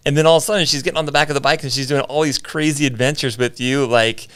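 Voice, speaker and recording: A man's voice: fairly high pitch, fairly even intonation, fast, a bit bright, smooth, no echo. A man hosting a casual interview podcast in a chatty, colloquial way. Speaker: podcast host.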